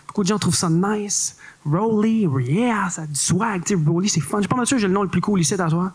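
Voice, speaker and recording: A man's voice: high-pitched, fast talker, slightly rough. A young man with a Québécois accent performing stand-up comedy on a club stage, playful and self-mocking with punchy delivery. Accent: Québécois French. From Quebec.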